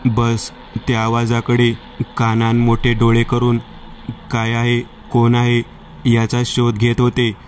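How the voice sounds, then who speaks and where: A male storyteller reading a horror tale in a steady, unbroken delivery. His voice sits at a middling pitch and stays remarkably flat, with almost no melody. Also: slow, a little hiss or hum.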